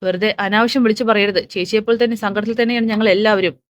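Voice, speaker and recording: A woman voicing a calm, restrained young wife who answers slowly and firmly. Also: mid-range voice, no echo, close to an everyday voice. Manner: measured, slow, restrained.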